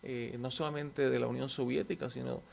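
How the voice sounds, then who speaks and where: A man's voice: medium pitch, steady tone, fairly quick, vocal fry, darkish tone. A man, lecturing informally and answering questions in an anecdotal way, often seeking agreement with short tag questions.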